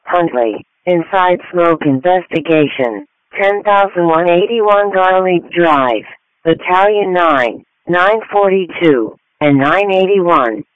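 A man's voice: high-pitched, animated, slow pace, no echo. A man making clipped emergency dispatch announcements over a narrowband police radio channel.

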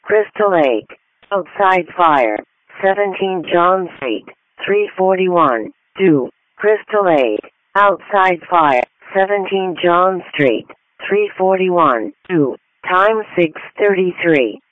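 A man's voice: high-pitched, expressive, takes it slowly, no room sound. A male dispatcher announcing emergency calls in terse, formulaic phrases over a tinny radio channel.

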